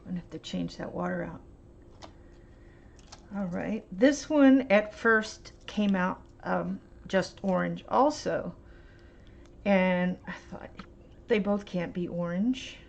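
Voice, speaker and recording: Narrating a paint swatching demo from home, a woman art vlogger rambles and hesitates, filling her pauses with plenty of ums and uhs. Her voice sits lowish and has a creaky quality. The home recording is dull and lo-fi, with a faint hiss.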